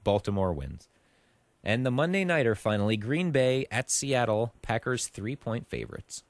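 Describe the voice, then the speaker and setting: A man's voice: mid-range voice, expressive, moderate pace, no echo. A man co-hosting a casual sports podcast, calling picks in a confident, matter-of-fact way. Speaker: podcast co-host.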